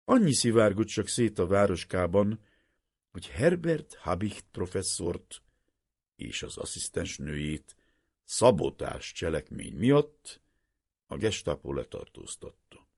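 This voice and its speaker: A man reading a novel aloud as an audiobook, with measured, dramatic storytelling. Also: low voice, sing-song, creaky, a little mellow, slightly rough, no room sound, clean studio sound. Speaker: audiobook narrator.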